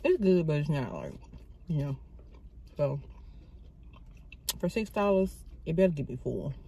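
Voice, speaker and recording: A woman's voice: sits low, big pitch swings, a little slow, vocal fry, dark tone, slightly rough. A woman chatting casually to her viewers as a vlogger, calling them y'all while talking into her phone camera in a car. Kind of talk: casual vlog chat.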